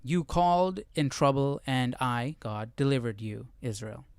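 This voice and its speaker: A man with a medium-pitched, smooth voice speaks unhurriedly, with no room sound in the recording. As host of a relaxed Bible study livestream, he reads passages out and thinks aloud informally, taking them step by step.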